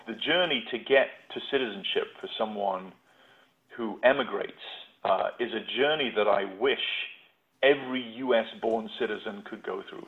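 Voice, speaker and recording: A middle-aged man from North Yorkshire, a podcast guest telling his story in a reflective, stop-and-start way. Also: lowish voice. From England, North Yorkshire. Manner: reflective, with frequent restarts. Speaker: podcast guest, patent consultant. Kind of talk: casual interview talk. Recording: tinny phone-like line.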